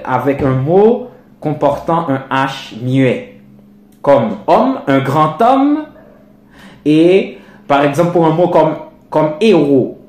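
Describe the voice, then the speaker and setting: Man, teacher, repeats examples, lively intonation, slow pace. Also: a little high, echoey room. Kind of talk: lecture on French pronunciation.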